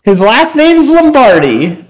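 A man in casual gaming banter on voice chat, laughing often and jumping in with quick reactions. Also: extremely high pitch, big pitch swings, rough recording.

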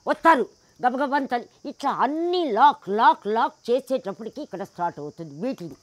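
Brisk and a little high, with lively intonation and a dry recording, a woman in an interview tells an emphatic personal story. She acts out its characters and fires off indignant rhetorical questions.

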